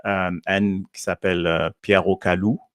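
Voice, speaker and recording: Deep-voiced male radio presenter, hesitant. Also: flat delivery, measured pace, fairly bright tone, no room sound, clean studio sound. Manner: hesitant, many fillers and restarts. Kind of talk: casual radio chat.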